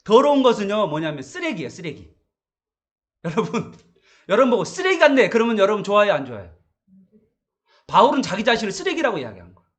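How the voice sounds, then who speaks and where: A man's voice: sits high, very animated, fast talker, pauses often, a bit bright. A male pastor giving a morning Bible sermon, asking the congregation rhetorical questions.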